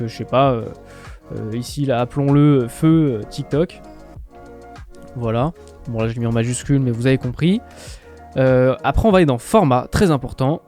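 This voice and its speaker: Male tutorial host from France, relaxed and filler-heavy, mid-range voice, soft background music. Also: mid-range voice. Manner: chatty, many filler "euh" and "bah". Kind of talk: casual screen-recorded tutorial.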